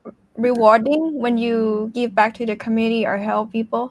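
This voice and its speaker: A woman with a lightly high voice hosts an informal live chat. She is expressive and quick to react to what she hears. The sound is very dry, with no room around her. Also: dry recording, low-quality recording. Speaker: host of a language-teaching channel. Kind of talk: casual live chat with a guest and commenters.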